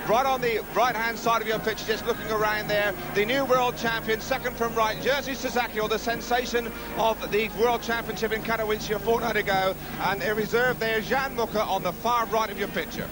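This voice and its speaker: A high-voiced man delivers colourful, punchy television sports commentary from a stadium. The 1970s broadcast carries loud music along with his voice. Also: fairly even intonation, a little fast, hardly any pauses, rough recording. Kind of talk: live speedway commentary and presentation. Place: outdoor stadium commentary position.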